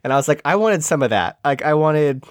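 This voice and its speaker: A man co-hosting a podcast, chatting casually about a movie with quick, offhand asides. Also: fairly high pitch, animated, no room sound, studio quality. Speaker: podcast co-host. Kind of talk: casual movie-review chat.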